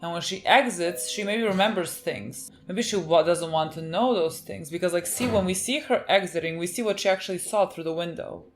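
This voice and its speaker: A woman's voice: lowish voice, fairly quick, hardly any pauses, soft background music. Chatty woman thinking aloud. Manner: animated, thinking aloud, frequent "like". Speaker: reaction video host. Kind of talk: casual reaction chat.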